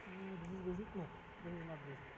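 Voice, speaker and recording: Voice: mid-range voice, steady tone, very slow. A chemistry tutor giving an informal lesson, explaining step by step, mixing in English terms and often checking whether the listener follows. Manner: addresses the student informally and thinks aloud. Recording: dull lo-fi audio with clear background noise.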